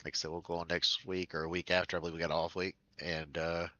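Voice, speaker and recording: A very low-voiced man with a stuffy nose from a cold, speaking in a laid-back, rambling post-race chat. His tone has a bright edge, and the dry, muffled lo-fi line makes it sound like voice chat. He laughs often between his thoughts. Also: flat delivery, quick pace, dry recording. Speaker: sim racing driver.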